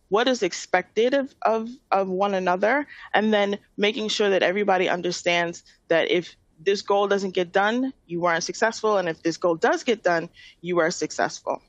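A woman's voice: medium pitch, moderate pace, no echo. A middle-aged woman with a New York accent presents to an online audience. She explains things step by step in an informal webinar style, often checking in as she goes. The sound is dry and close, with very little room. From Queens, New York City, USA. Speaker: webinar presenter, nonprofit finance director.

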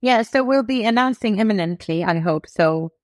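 A middle-aged woman speaks as a podcast guest, articulate and emphatic, building her points with energy. Her voice sits at an ordinary middle pitch. The recording is dry and close, with no room sound. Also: lively intonation, moderate pace, dry recording. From United Kingdom. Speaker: guest, e-commerce executive. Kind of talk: podcast interview.

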